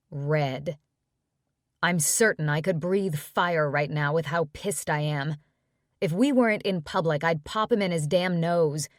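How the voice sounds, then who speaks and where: A woman narrating a romance audiobook in the first person, in a measured, steady reading. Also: fairly low pitch, no room sound, studio quality.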